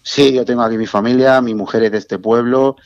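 A man's voice: medium pitch, steady tone, fairly quick, dry recording, muffled recording. A middle-aged man from Mexico, a festival organizer, chatting in an interview, joking and effusive with frequent tag questions. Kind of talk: casual interview chat.

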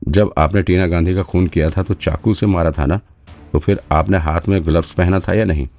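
A man's voice: deep voice, steady tone, brisk, darkish tone, faint music behind. A man voicing a confident male detective who questions a suspect with firm, probing questions, in an audiobook.

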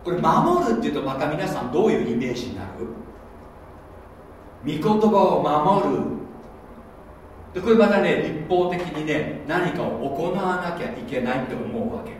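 A man preaching a sermon as pastor, animated and often checking that listeners follow along. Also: fairly high pitch, normal speed, a little hiss or hum. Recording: echoey hall, voice from a distance.

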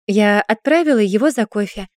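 A woman's voice: mid-range voice, animated, moderate pace, darkish tone, dry recording, studio quality, lightly acted. A woman reading a storybook voices a snide young woman who speaks condescendingly and teasingly.

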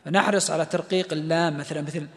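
Male recitation teacher, high voice, long hall reverb, explains then chants examples. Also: steady tone, racing, fairly bright tone. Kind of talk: tajweed lesson with recited examples.

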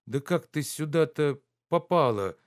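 A man reading aloud and voicing an anxious, grumbling gentleman in an audiobook. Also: a little high, lively intonation, unhurried, clean tone, voice pushed up. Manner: worried, grumbling, impatient.

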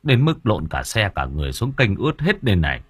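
A man's voice: lowish voice, very animated, brisk, breathy edge, dry recording, clean studio sound. A man voicing a worried elderly village husband in an audiobook horror tale, stammering uneasily. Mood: rattled.

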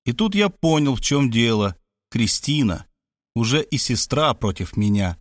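A man narrating a first-person audiobook with lively, dramatic storytelling. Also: medium pitch, measured pace, no echo, studio quality.

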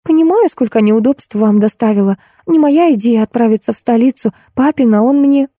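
A woman voicing a shy, blushing young woman who apologizes constantly in a high, chirping voice. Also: a little fast, warm tone, no echo, studio quality, lightly acted. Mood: timid. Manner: breathless, fluttering, apologetic.

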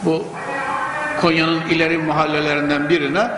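A man's voice: fairly high pitch, little pitch movement, normal speed. Older man preaching at a pulpit microphone. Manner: fervent, rhythmic, repeating phrases for emphasis. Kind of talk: mosque sermon. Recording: echoey hall with clear background noise.

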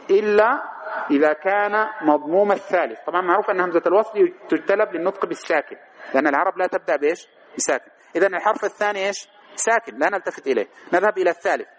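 A man's voice: sits high, rapid-fire, slight background noise, low-quality recording. A man teaching a grammar class who keeps asking questions and then answers them himself. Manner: recites verse and quotes in a chanting tone. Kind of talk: classroom lecture on Arabic grammar.

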